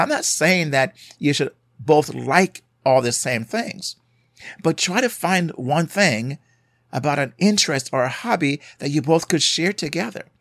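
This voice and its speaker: Speaking with a Jamaican accent, a man with a slightly high voice hosts a solo podcast as a marriage coach. His advice comes across as earnest and conversational, and he often checks in with his listeners. The sound is studio quality with no echo.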